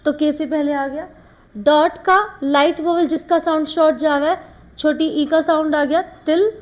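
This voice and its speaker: A woman teaching shorthand, explaining rules step by step and mixing English terms into Hindi. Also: sits high. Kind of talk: classroom lesson.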